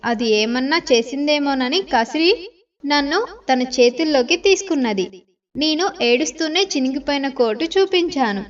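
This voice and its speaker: A woman narrating a bedtime story in an expressive, lively storytelling manner. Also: high voice. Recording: slightly distant, dull lo-fi sound.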